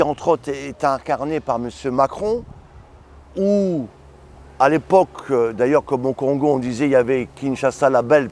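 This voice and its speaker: A middle-aged bishop from France speaks in an interview with a preacher's emphatic, repetitive rhythm. His voice sits somewhat high for a man. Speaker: bishop, guest commentator. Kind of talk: prophetic commentary interview.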